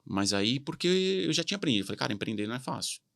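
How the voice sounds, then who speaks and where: A man's voice: mid-range voice, lively intonation, rapid-fire, vocal fry, fairly bright tone, no echo, studio quality. A Brazilian businessman in his thirties, speaking with a Brazilian Portuguese accent, telling candid stories full of quoted dialogue in a casual interview. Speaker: company CEO, podcast guest.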